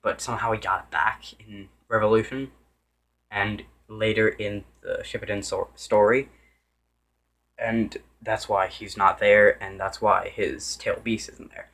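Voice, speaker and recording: A man's voice: on the low side, flat delivery, measured pace, fairly bright tone. A man giving a casual, unscripted game review, rambling with many restarts and self-corrections and sometimes losing his train of thought.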